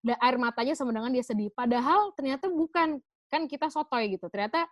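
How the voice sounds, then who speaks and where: A woman's voice: high-pitched, expressive, quick pace, dry recording. A woman patiently explaining things in a casual chat, slipping in English phrases. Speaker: guest explaining emotions.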